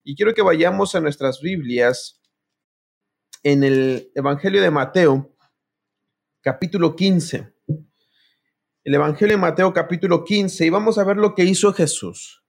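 A man's voice: fairly high pitch, unhurried, vocal fry, pauses often. A man preaching a sermon, telling a personal story, reading scripture aloud and speaking directly to his listeners.

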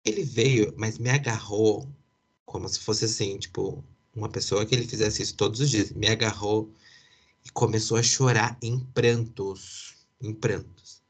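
A man's voice: on the low side, steady tone, moderate pace, breathy edge. A young man, casually telling a personal story with lots of fillers and asides. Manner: chatty, many fillers and asides, occasional laughs.

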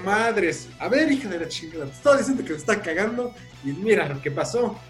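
A man's voice: high voice, lively intonation, a little fast, over music. A man with a Mexican accent bantering in a casual podcast, teasing his co-host and jumping in with jokes. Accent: Mexican Spanish. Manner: teasing, jumps in with jokes and punchlines.

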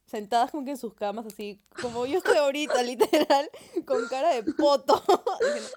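A young woman co-hosts a laid-back podcast chat. Her fairly high voice stays playful and relaxed, and she giggles easily. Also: fairly quick, a crowd in the background. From Peru. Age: young adult. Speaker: podcast co-host, university freshman. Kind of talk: casual chat.

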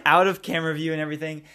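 A man's voice: fairly high pitch, sing-song, pushed and bright. A man in casual chat, recapping a movie scene by scene and slipping into brief voices for the characters. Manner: retells scenes at length, acting out lines in quick character voices. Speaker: podcast co-host recapping a movie.

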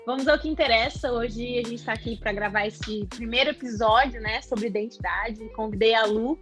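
A woman's voice: on the high side, moderate pace, fairly bright tone, soft background music. A woman hosting a podcast as a psychologist, chatting casually and laughing often.

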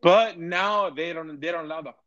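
A man talks in a loose, casual way. He stammers, repeats words and swears often, in a voice pitched a touch high. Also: normal speed, fairly bright tone, lo-fi sound. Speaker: podcast guest. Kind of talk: casual chat.

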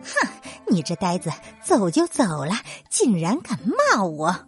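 A woman's voice: fairly low pitch, big pitch swings, unhurried, faint music behind, pitched below the performer's own voice. A woman voicing a proud, hot-tempered male monkey king who snorts and scolds, in a children's story. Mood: scolding haughty.

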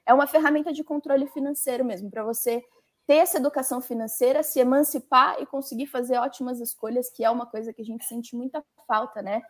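Chatty Brazilian woman, higher voice. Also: fast. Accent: Brazilian Portuguese. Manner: chatty, lively, uses many fillers. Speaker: legal coordinator, guest. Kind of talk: conversational interview.

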